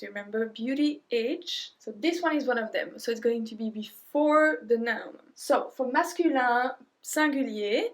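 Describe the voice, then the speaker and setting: A woman with a French accent teaching a beginner grammar lesson, spelling out letters and repeating each example slowly and carefully. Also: on the high side.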